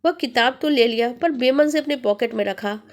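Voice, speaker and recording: A woman narrates a ghost story with a dramatic, suspenseful delivery. Her voice sits noticeably high. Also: normal speed.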